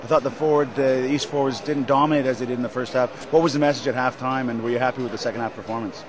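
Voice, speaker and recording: A man hosting post-match interviews at an outdoor stadium, asking brisk, chatty questions. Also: mid-range voice, fairly even intonation. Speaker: host and interviewer. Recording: crowd noise behind.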